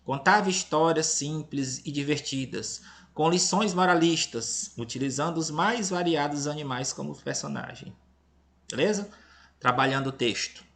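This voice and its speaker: A man's voice: fairly high pitch, moderate pace, a bit bright. A man from Brazil with a Brazilian accent, reading a school lesson aloud to children and checking in often to see if they follow. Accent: Brazilian Portuguese, Tocantins. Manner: patient, checks in with "entendeu?" and "beleza?"; playful, teasing about giving away answers. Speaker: teacher.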